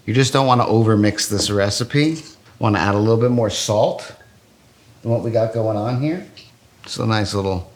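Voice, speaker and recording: Joking low-voiced man hosting a cooking show. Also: a little hiss or hum. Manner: joking, crude, playful. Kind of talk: casual cooking demo with banter.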